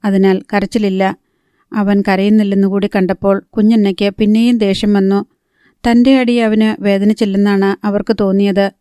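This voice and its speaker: A woman narrating a novel as an audiobook, in steady storytelling. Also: mid-range voice, normal speed, smooth, no echo, clean studio sound.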